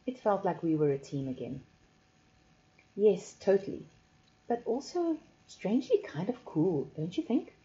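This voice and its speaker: A woman reading a first-person story aloud in a soft, measured, intimate way. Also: lowish voice, lo-fi sound. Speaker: audiobook narrator.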